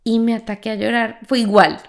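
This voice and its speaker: A woman hosting a faith podcast, telling a personal story in an animated way and laughing as she talks. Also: a little high, fairly quick, vocal fry. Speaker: podcast host. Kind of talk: faith testimony conversation.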